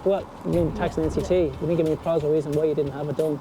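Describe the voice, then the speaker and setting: A man's voice: on the high side, steady tone, rapid-fire, noisy background. An Irish man speaking as a police officer at a roadside, explaining offences in an official, matter-of-fact way. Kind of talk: explaining vehicle offences and penalties. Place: outdoors at a roadside. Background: music and vehicle sounds.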